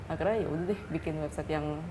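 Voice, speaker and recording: A young woman from Indonesia, a paper-cutting artist, explaining her work in a TV interview. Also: sits low. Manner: fast, earnest, explaining with many fillers. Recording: noisy TV studio.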